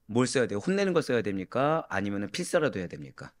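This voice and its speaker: A middle-aged man preaching as a pastor. He keeps asking the congregation questions and answering them himself, moving from loud preaching to quiet, low asides. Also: sing-song, quick pace. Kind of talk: sermon.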